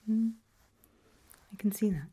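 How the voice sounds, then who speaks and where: The speaker is a woman doing ASMR as an evil organisation's HR interviewer, calm and quietly menacing in a polite way. Soft whispers and murmurs come slowly and deliberately, broken by pauses, in a breathy voice with low, gentle undertones.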